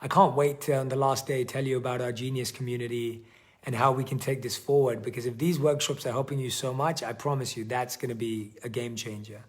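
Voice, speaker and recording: A man hosting a live workshop, guiding a meditation in a slow, calm, soothing way and reading out viewer comments. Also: medium pitch. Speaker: meditation teacher and workshop host. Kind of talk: guided meditation and livestream talk.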